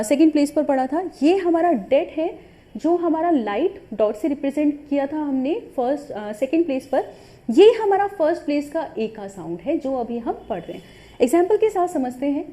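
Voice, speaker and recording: A woman's voice: high voice, mellow. A woman teaching a shorthand course in a patient, step-by-step way, often checking in with the listener. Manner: patient, repeats points with frequent "ठीक है" check-ins. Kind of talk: step-by-step tutorial explanation.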